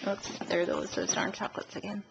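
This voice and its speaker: A woman's voice: medium pitch, level tone, brisk. A woman filming her children at home on a handheld camera, coaxing and prompting them to speak to the camera. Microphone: handheld camera held by the speaker. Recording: loud background noise on home camera audio.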